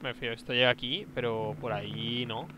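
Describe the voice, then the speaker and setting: A man's voice: mid-range voice, fairly even intonation, a little fast, background noise. A man streaming a horror game live, thinking aloud, easily startled and yelping at scares. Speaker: livestreaming gamer.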